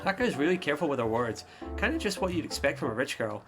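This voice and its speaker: A man's voice: a little high, big pitch swings, quick pace, music in the background. A man voicing a chatty teenage schoolgirl assistant in a let's play, reading lines in a gossipy, mock-cutesy way.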